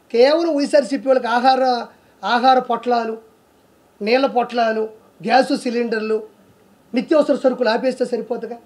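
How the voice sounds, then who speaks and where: A man's voice: extremely high pitch, a little mellow. A man, a comedian, delivering a heated, sarcastic political rant, scolding and mocking with one rhetorical question after another. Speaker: comedian giving political commentary.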